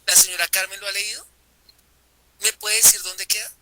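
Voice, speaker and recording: Bright-voiced Colombian man leading Bible study. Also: sits high, little pitch movement, normal speed, a little hiss or hum, poor audio. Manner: asks the group rhetorical questions, repeats phrases.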